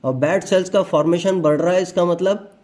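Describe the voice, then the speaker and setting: A man's voice: high-pitched, steady tone, a little fast, a little mellow. A man giving a motivational health talk, explaining with everyday examples and asides.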